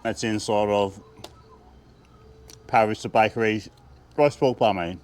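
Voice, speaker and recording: A man's voice: on the low side, steady tone, normal speed, a little mellow. A man with an Australian accent, chatting with enthusiasm as he reviews food and laughing often. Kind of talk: casual food review vlog.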